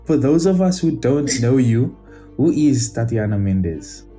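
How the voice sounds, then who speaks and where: A man's voice: mid-range voice, sing-song, a little slow, mellow, faint music behind. A man hosting an interview podcast, speaking politely and a little formally as he welcomes his guest. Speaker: podcast host.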